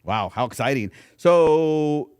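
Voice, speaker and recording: A man's voice: on the high side, expressive, slow, a little mellow, clean tone, no echo, clean studio sound. A man hosting a boxing interview show, asking rambling questions full of fillers and "right?" tags. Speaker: podcast host. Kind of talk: casual interview chat.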